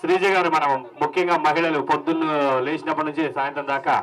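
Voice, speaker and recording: Brisk high-voiced male co-anchor. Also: low-quality recording. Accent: Telugu. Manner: energetic, cheering the crowd on. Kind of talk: stage announcing.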